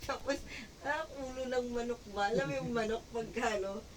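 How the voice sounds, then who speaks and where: A woman with a high voice tells a lively, laughing story in casual chat. She sounds set back from the microphone, with loud noise running behind her. The talk stays loose and animated. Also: moderate pace. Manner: animated, laughs often while telling a story. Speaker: gamer chatting while playing. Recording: distant mic with loud background noise.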